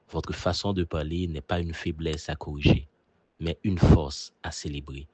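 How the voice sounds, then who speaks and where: A man from Haiti with a Haitian accent, a teacher and journalist, giving an earnest, measured personal testimonial with a few fillers. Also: low voice, darkish tone, breathy edge, no echo.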